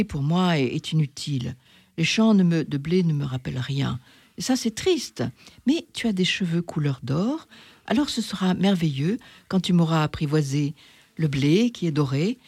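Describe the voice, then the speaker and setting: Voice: mid-range voice, animated, a little mellow, slightly rough, no echo. A reader doing a wise, weary fox. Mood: musing. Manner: slow, musing, confiding, dropping to whispers. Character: wise, weary fox who longs for a friend. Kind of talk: reading aloud in two voices.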